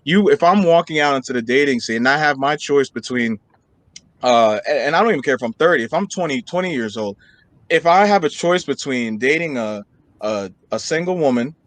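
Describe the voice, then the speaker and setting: A man's voice: mid-range voice, fairly bright tone, no room sound. A man in his thirties co-hosting a podcast, talking bluntly and emphatically and often checking for agreement. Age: 30s. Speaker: podcast co-host. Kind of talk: casual opinion chat.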